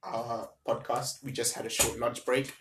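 A man's voice: mid-range voice, flat delivery, moderate pace, noisy background. A man hosting a casual podcast chat, rambling with many restarts and blunt, sweary remarks. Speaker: podcast host.

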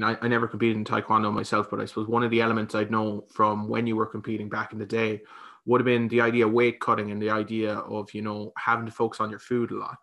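A man's voice: on the low side, pushed and bright. An Irish man interviewing casually and conversationally as a podcast host.

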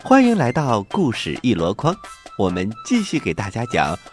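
A man hosting and narrating a children's story programme in an expressive, avuncular, scripted style. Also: on the low side, normal speed, soft background music.

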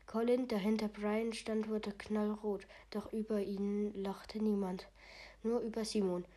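A woman narrating a storybook with a steady, even delivery. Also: medium pitch, a little slow. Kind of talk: storybook reading.

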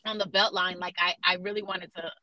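A woman's voice: lowish voice, little pitch movement, fairly quick, sharp tone, no room sound, low-quality recording. A young woman from South Florida, a muralist guest talking animatedly with lots of fillers and restarts. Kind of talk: casual interview conversation.

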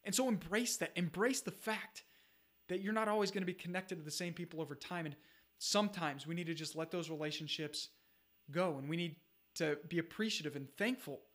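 A man's voice: on the high side, brisk, fairly bright tone. A man in his thirties giving an earnest motivational talk, urging listeners directly and repeating his points. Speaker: self-improvement speaker.

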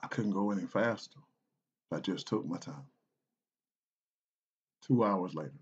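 A man from South Carolina telling a personal story in an earnest, halting way, with restarts and repeated phrases. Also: deep voice, slightly rough, dull audio. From South Carolina, United States.

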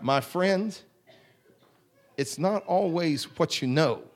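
A man preaching a fervent holiness sermon, rhythmic and drawling, often clearing his throat. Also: fairly high pitch, lively intonation, slow pace. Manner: fervent, rhythmic, drawling with repeated call-outs.

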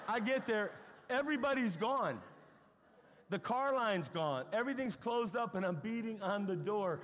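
An older man preaching a sermon as pastor, telling stories in an animated way with emphatic outbursts. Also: high-pitched, moderate pace. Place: church sanctuary. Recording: long reverb of a large hall.

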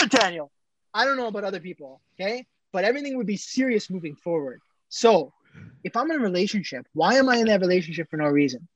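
A man's voice: sits high, animated, quick pace, fairly bright tone, dry recording, low-quality recording. A man in his twenties co-hosting a podcast, arguing his point emphatically and repeating himself. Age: 20s. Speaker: podcast co-host. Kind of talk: casual chat.

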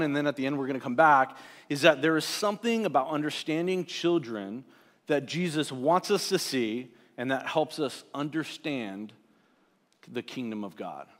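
A man in his forties preaching a sermon as pastor. He talks in a plain, conversational way with asides to the congregation. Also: mid-range voice. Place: church sanctuary. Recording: church hall with long reverb.

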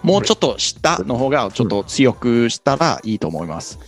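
A man teaching pronunciation, coaching and correcting with lively encouragement and frequent laughter. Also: mid-range voice, a little fast, vocal fry, soft background music. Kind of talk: casual pronunciation lesson.

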